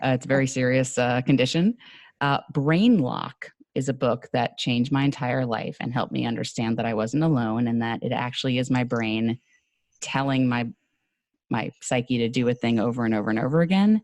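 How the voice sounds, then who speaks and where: A woman with a New York accent, talking casually as a podcast guest, animated and quick to laugh with fast asides. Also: rumbling low, no room sound, studio quality. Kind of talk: casual conversation.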